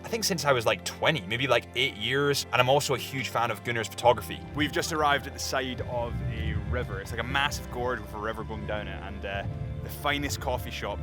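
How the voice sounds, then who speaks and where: A man hosting a casual travel vlog outdoors in the snow, chatty and enthusiastic, laughing often. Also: mid-range voice. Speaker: host. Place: outdoors in snowy, cold landscape.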